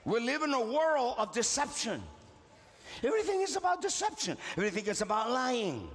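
A middle-aged pastor whose first language is Spanish preaches a fiery, impassioned sermon with call-and-response in a large church auditorium, his voice very high-pitched, very animated, and brisk. Live hall reverb, the congregation, and faint music surround him.

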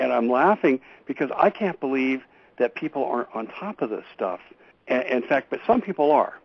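A man's voice: mid-range voice, dry recording. A man speaking as a guest on a radio show, earnestly laying out urgent warnings and often restarting his sentences. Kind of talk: call-in radio interview. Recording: dull lo-fi radio audio.

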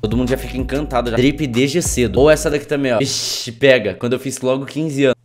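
A man's voice: medium pitch, fairly even intonation, quick pace. A young man in his late teens from Brazil, a YouTuber doing joking, slangy reaction commentary on memes into a desk microphone. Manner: joking, self-mocking, slangy. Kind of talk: casual comedic reaction commentary. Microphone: desktop USB microphone.

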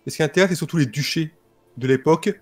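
A man presenting a history topic informally, speaking in a calm, measured, explanatory way. His voice sits a little high for a man. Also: slightly rough, soft background music. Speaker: guest presenter.

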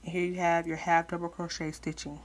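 A woman's voice: fairly low pitch, level tone, brisk, rough recording. A woman giving casual step-by-step craft instruction as a tutorial host, informal, with slightly lisped speech from wearing retainers.

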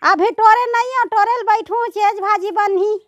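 A woman's voice: extremely high pitch, normal speed, dull audio. A woman with a Chhattisgarhi accent chatting casually and affectionately to her followers, often repeating herself. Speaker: vlogger.

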